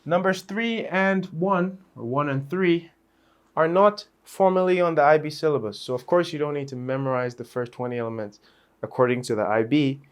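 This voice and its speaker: A man's voice: on the high side, normal speed, clear, resonant tone. A man teaching a chemistry revision lesson in a playful, chatty way, with asides and small laughs.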